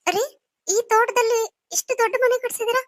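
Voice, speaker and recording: A woman's voice: extremely high pitch, brisk, no room sound. A woman voicing a young orphaned wife in a cartoon story, pleading and full of questions. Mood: admiring.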